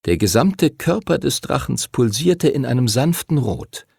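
Male storybook narrator, gravelly and dry, lively intonation. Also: mid-range voice, unhurried, no echo. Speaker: audiobook narrator. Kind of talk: scripted narration.

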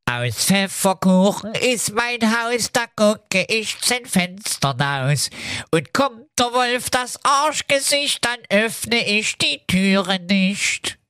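A man voicing a cheeky little girl piglet in a storybook, in a very high, squeaky, singsong voice, recorded dry and close. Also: big pitch swings, slow, pushed and bright, no echo, heavily acted.

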